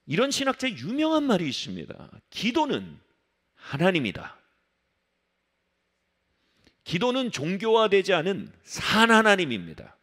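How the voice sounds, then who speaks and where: A man preaching from the pulpit with a fairly high voice that leaps up and down. He presses his points hard, then sinks low and quiet for emphasis, and now and then slips into the voices of the people he describes. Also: huge pitch swings, unhurried, pauses often. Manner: emphatic preaching, drops to low soft tones for stress; acts out quoted voices of resisting people. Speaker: pastor. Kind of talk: sermon. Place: church sanctuary.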